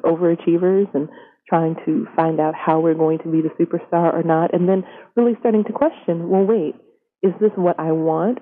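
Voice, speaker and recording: Disguised deep-voiced woman on the phone. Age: young adult. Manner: candid, conversational, frequent "you know". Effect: voice disguised electronically, pitched down. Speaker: interview guest, science career columnist. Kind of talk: reflective interview answers. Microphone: telephone. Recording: band-limited telephone line.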